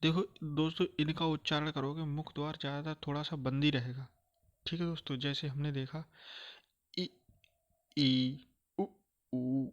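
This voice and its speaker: A man teaching a grammar lesson, repeating phrases patiently and slowly sounding out each vowel for his listeners. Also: on the high side, flat delivery, highs cut off. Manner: repetitive, calls listeners "friends", checks understanding often.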